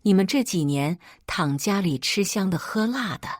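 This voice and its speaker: Woman voicing a bullying old father-in-law, scolding, lively swings in pitch, dry close sound. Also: unhurried, no echo. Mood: angry.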